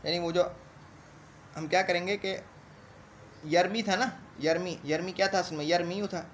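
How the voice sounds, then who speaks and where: A man's voice: high-pitched, fairly even intonation, a little slow, a little hiss or hum. A man teaching a grammar lesson. He recites verb conjugations in a rising singsong and then explains them in plain speech.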